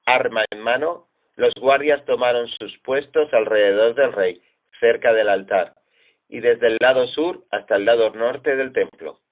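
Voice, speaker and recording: A man with a Spanish accent reading Bible chapters aloud in a steady, unhurried way, phrase by phrase. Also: medium pitch. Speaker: Bible reader. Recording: tinny phone-like audio.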